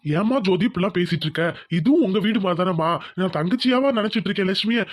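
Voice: medium pitch, expressive, fast, dry recording, studio quality, lightly acted. An actor voicing a tired old village landowner. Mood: weary placating. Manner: tired, placating. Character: older village landowner man, weary elder brother. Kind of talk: Tamil cartoon drama dubbing.

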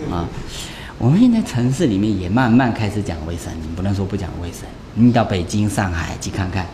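A man's voice: mid-range voice, a little mellow, slight background noise. A man, a Buddhist monk, giving a conversational dharma lecture, talking in a chatty way and often tossing rhetorical questions to his listeners.

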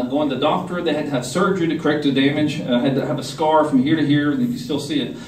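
Middle-aged male conference speaker, animated testimony, slightly high voice, roomy hall sound with the mic set back. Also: recorded from a distance, slight background noise. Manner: animated storytelling, acting out the quotes. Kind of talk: personal testimony sermon.

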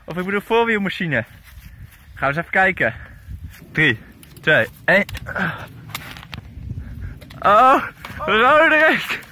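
A young man filming mountain bikers at an outdoor bike park, loudly cheering them on and chatting casually. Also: sits high, sing-song, slow, pauses often, slight background noise. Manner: loud cheering, egging riders on.

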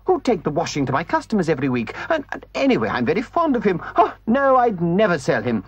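A pompous, greedy male toad from a storybook, his high voice leaping wildly as he blusters and stammers, as a man acts him out. The tone is husky and dry, recorded close. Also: huge pitch swings, quick pace, dry recording, dull audio, heavily acted. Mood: indignant. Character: boastful excitable male toad, vain and greedy.

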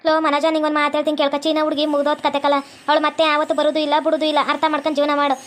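A woman's voice: high voice, completely flat delivery, racing, lightly acted. Woman doing a scolding North Karnataka mother-in-law. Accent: North Karnataka Kannada. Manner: lecturing, scolding. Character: bossy middle-aged mother-in-law, scolding. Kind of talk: cartoon comedy voice acting.

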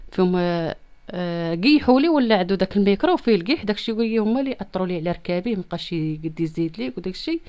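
Speaking into a handheld reporter's mic held near her mouth, a Moroccan-accented woman in her thirties appeals for help during an interview in a small room at home. Her voice sits on the low side, smooth and darkish, and her plea is plaintive and insistent.

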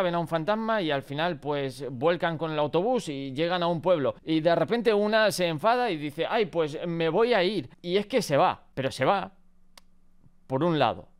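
A young man from chatting about video games to his viewers, excitable and given to swearing, indignant rants. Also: fairly high pitch, smooth. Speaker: gaming YouTuber. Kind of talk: casual gaming commentary to camera.

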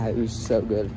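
A young man vlogging with his family, loud and joking, laughing between lines. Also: mid-range voice, very noisy. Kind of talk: casual vlog banter.

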